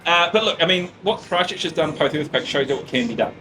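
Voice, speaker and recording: Fast-talking New Zealand man in his fifties. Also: a little high, lively intonation, bright, forceful tone. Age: 50s. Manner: brisk, blunt, frequent restarts. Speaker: guest. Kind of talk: casual interview chat.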